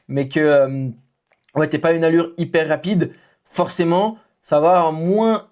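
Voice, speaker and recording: A man's voice: on the high side, steady tone, a little slow, a little mellow. A man with a French accent, a running coach explaining training exercises to the viewer in a casual, informal way. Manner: informal, addresses the viewer directly, frequent fillers. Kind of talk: casual explanatory talk to camera.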